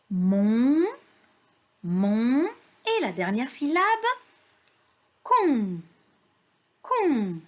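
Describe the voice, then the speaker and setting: A woman teaching a reading lesson to young children, slowly and patiently stretching out syllables and asking sing-song questions. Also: a little high, husky. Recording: dull lo-fi home recording.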